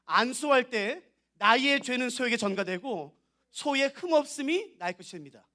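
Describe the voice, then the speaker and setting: High, bright-voiced male preacher. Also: animated, moderate pace. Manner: emphatic, acts out dialogues, addresses congregation directly. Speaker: pastor. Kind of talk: revival sermon. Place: church sanctuary.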